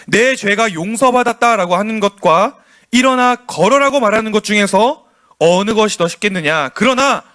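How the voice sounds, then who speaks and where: Animated high-voiced children's preacher. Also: male voice, moderate pace. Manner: animated storytelling with questions to the kids. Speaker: children's pastor. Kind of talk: sermon for children.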